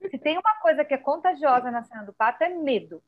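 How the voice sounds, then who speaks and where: Woman, Brazilian Portuguese accent, high voice, animated storyteller, slightly dull lo-fi sound. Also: fast. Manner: lively storyteller acting out quoted dialogue. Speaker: doula guest. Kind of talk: casual podcast conversation. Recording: slightly dull lo-fi podcast audio.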